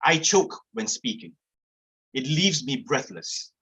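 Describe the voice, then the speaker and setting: A man from Malaysia, reading his poetry at an open mic in a slow, measured way. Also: mid-range voice, big pitch swings, bright, forceful tone, husky, rough recording. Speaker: guest poet.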